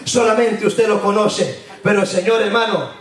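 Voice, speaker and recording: A man preaching a sermon in a church, impassioned and repetitive, his voice rising into shouts. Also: sits high, moderate pace. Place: church hall. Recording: echoey hall from far off.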